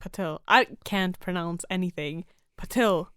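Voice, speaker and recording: A woman's voice: medium pitch, normal speed, dry recording, clean studio sound. A woman co-hosting a podcast, chatting casually and animatedly with a co-host and swearing freely. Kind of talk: casual chat.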